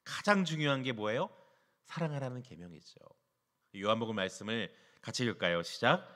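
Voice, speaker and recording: A pastor preaching a sermon in church, putting questions to the congregation and swinging between emphatic rises and hushed, low passages. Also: male voice, expressive, fairly quick. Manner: poses rhetorical questions to the congregation.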